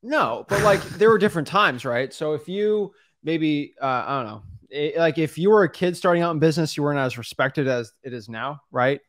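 A young adult man co-hosts a casual coaching podcast in a studio with a backdrop, speaking into a boom-arm mic loosely, full of fillers, and calling listeners guys. His voice is on the high side with lively intonation, at a moderate pace with hardly any pauses.

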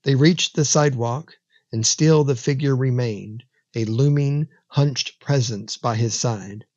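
A man narrates a horror story in a slow, measured, dramatic delivery. His mid-pitched voice sits in a dry, close recording with a dull, lo-fi tone. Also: darkish tone, no echo.

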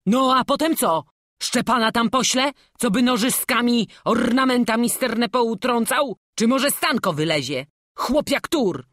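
A woman's voice: on the high side, expressive, measured pace, a bit bright, no echo, clean studio sound, voice pushed up. A woman voicing an anxious older male master woodcarver in an audiobook, fretful and scolding. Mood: grumbling. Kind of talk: audiobook character reading.

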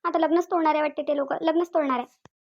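A tearful young woman engaged to be married, pleading in distress with a Vidarbha Marathi accent, as a woman voices her. Her voice is high, and she talks fast. This is a cartoon role. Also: steady tone, dull audio. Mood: upset. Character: young bride-to-be, hurt and tearful.

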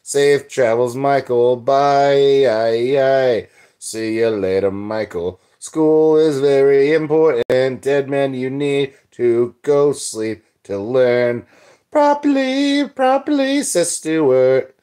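Slow, rambling young man chatting. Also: medium pitch, dark tone, clean tone. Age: young adult. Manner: rambling, loose, filler-heavy chat. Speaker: livestream host. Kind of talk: casual chat reading live comments.

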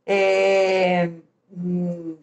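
A woman with a Castilian Spanish accent explains her work as a hospital social worker informally, with hesitant pauses, her voice slightly muffled through a face mask. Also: fairly low pitch, flat delivery, a little mellow. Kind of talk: informal explanatory talk to camera. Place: small indoor hospital office.

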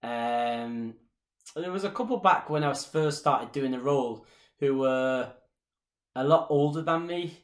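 A man in his thirties with a Mancunian Irish accent speaks a little slowly in a mid-range voice, chatting casually on a live stream. He's a dance instructor answering viewer questions from his small living room indoors, talkative and gesturing often. The recording, from a desk-distance webcam, has a roomy home quality.

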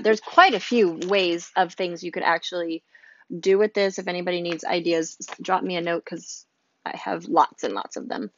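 A woman's voice: lowish voice, muffled recording, slight background noise. A woman chatting casually at home as she unboxes a subscription box, rambling and reading items aloud with asides. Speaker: unboxing vlogger. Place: room at home, storm outside.

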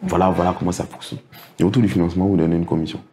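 Middle-aged man, low dark voice, interview guest who tells anecdotes and acts out dialogue. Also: flat delivery, rapid-fire. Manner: recounts anecdotes, acts out others' words. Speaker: interview guest, project financing consultant. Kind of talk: storytelling in a casual interview.

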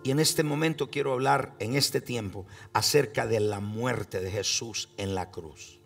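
A man preaching a sermon as pastor, speaking slowly with fillers and calling on the congregation to repeat after him. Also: medium pitch, gravelly, recorded from a distance, faint music behind.

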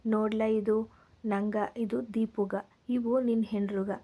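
A woman voicing a generous, sharp-tongued old mother who teases and gives orders. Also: on the high side, level tone, a little slow. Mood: teasing.

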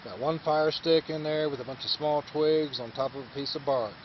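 A man with a higher-pitched, steady voice casually narrates a vlog of his forest campsite beside a river, explaining things step by step at a moderate pace. It's recorded on a handheld camera mic, giving dull home-video audio with faint outdoor hiss.

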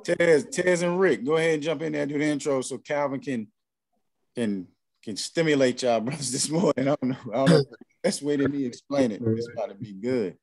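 A man's voice: medium pitch, brisk, a little mellow, no room sound. An American man casually moderating a group discussion on a video call. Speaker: discussion host.

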